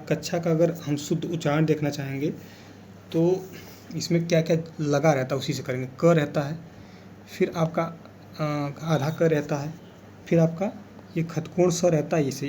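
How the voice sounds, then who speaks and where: A man leading an exam revision lesson, speaking patiently and going back over key words. His voice sits a little high for a man but sounds dark and mellow. There is a faint hiss of room noise behind him. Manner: explains patiently, repeats key words, keeps saying "theek hai". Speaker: teacher.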